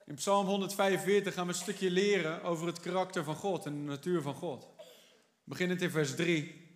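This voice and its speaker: A man with a high-pitched voice delivers a fervent sermon. He swings from quiet asides to drawn-out, emphatic lines. A long hall reverb trails each phrase. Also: fairly even intonation. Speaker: preacher.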